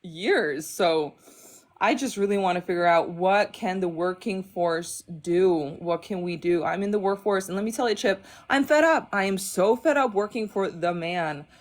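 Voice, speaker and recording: A Danish-raised woman in her thirties calls into a live stream and launches into an impassioned rant, delivered in emphatic, fed-up bursts. Her voice is mid-range and her pace moderate.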